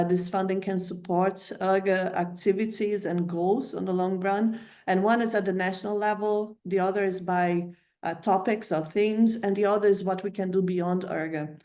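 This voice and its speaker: A woman from Brazil giving a prepared talk to colleagues, measured and hesitant, with frequent fillers and self-corrections. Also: mid-range voice, a little mellow. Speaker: candidate presenting a funding plan.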